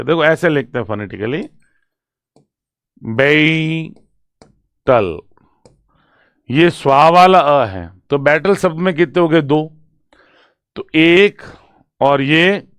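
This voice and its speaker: A male literature teacher who explains a poem's structure in Hindi. He reads the lines slowly and with stress, then breaks them down for exam students and keeps asking whether they follow. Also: fairly high pitch, fairly bright tone, smooth, dry recording, clean studio sound. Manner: asks students check questions, writes on a board. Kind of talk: exam-prep poetry lecture mixing Hindi and English.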